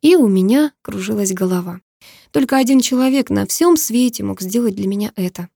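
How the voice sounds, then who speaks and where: A woman's voice: mid-range voice, a little fast, creaky, dark tone, breathy edge, dry recording. A woman narrating a first-person romance novel in an emotive, intimate storytelling manner, close to the mic. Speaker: audiobook narrator.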